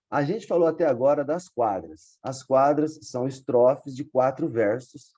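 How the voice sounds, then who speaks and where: A man's voice: mid-range voice, warm tone. A man teaching a poetry workshop over a video call, explaining step by step and often checking in with his students. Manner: patient, explains step by step with frequent check-ins. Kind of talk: online class explanation.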